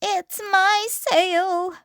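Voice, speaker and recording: A woman voicing a distressed goat in a storybook with drawn-out, plaintive delivery. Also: extremely high pitch, steady tone, a bit bright, no room sound, clean studio sound, pitched above the performer's own voice, heavily acted. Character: distressed bleating goat, plaintive boat owner.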